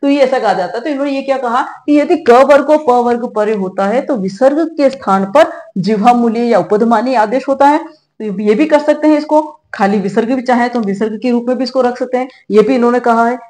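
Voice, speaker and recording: A middle-aged woman with a slightly high voice teaches a grammar lesson. She explains each step patiently and often pauses to check that her students are following. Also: darkish tone. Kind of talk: classroom-style grammar lesson.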